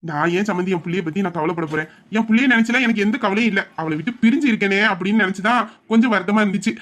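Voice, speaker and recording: A man's voice: sits high, racing, fairly bright tone. A man voicing a tender middle-aged father who soothes and reassures his married daughter. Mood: reassuring.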